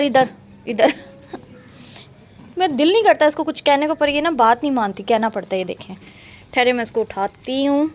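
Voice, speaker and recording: Chatty young woman vlogging. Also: fairly high pitch. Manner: chatty, scolding and teasing. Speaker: family vlogger. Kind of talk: casual vlog chat. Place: home and rooftop, outdoors at times.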